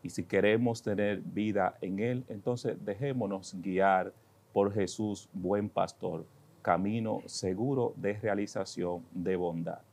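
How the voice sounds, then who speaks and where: Slow, deep-voiced man preaching earnestly. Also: fairly even intonation, creaky, a little mellow. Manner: earnest, repeats key phrases for emphasis. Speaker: panelist on a religious TV program. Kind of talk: preaching-style reflection on the Gospel.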